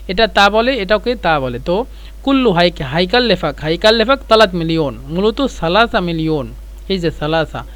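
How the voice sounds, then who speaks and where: High-voiced man teaching phrases slowly. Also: fairly bright tone. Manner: repeats phrases slowly for learners. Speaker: Arabic language teacher. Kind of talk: explaining a dialogue line by line.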